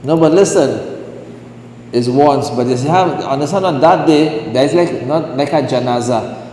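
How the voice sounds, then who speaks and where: Man, fairly high voice, mufti teaching a class, rhetorical "right?" checks, long hall reverb, faint hiss. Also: moderate pace, warm tone. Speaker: mufti teaching Islamic law. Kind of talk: religious class lecture. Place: mosque hall.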